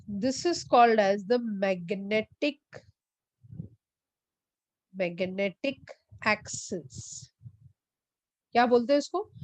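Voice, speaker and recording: Slow, deliberate physics teacher, woman. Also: a little high, no room sound. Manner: mixes English and Hindi, quizzes students by name. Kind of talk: online class lecture. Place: online classroom.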